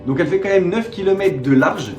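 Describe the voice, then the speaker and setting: A young man talks casually to his viewers from his living room, slangy, rambling and quick to mock himself. His voice sits a little high, and the room gives it a noticeable echo. Faint music plays underneath. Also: expressive, a little mellow. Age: young adult. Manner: slangy, rambling, self-mocking, many fillers. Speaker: YouTuber. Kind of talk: casual vlog storytelling.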